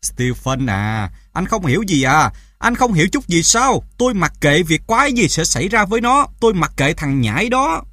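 A man voicing a cruel, drunken mother in an audiobook, shouting in a shrill, sneering way. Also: takes it slowly, hardly any pauses, dry recording, studio quality, lightly acted. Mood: mocking. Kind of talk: audiobook character voice.

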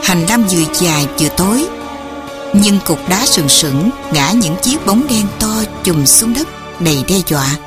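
A woman narrating a story in a soft, measured and dramatic reading. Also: on the low side, animated, over music.

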